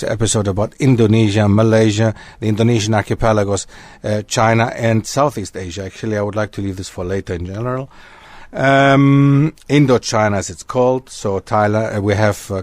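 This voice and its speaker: Radio historian: a man raised in Germany, lively, wandering explanations, dry studio mic. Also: mid-range voice, no echo. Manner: animated, digressive lecturing. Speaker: guest historian. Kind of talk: radio discussion. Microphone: studio microphone.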